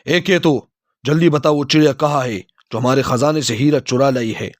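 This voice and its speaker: A man voicing a greedy, hot-tempered king who shouts commands in a storybook tale. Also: medium pitch, animated, no room sound, studio quality, lightly acted. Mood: haughty. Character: greedy, furious male king barking orders.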